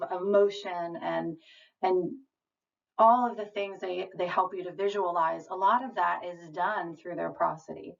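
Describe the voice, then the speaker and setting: Lady trainer explaining slides, calm and reassuring, middle pitch, sounds far off and muffled. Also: gravelly. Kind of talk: recorded training lecture over slides. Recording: distant, dull lo-fi voice.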